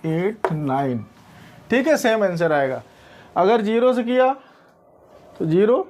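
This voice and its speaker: A woman's voice: medium pitch, noisy background. A woman teaching a maths lesson, often asking students if they understand. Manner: questioning, checks understanding often. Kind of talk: classroom-style maths lesson.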